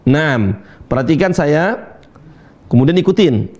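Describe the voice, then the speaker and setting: A male Quran teacher leading a call-and-repeat tajwid lesson, reciting verses slowly and demonstrating letter sounds, with gentle encouragement between counts. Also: on the high side, lively intonation.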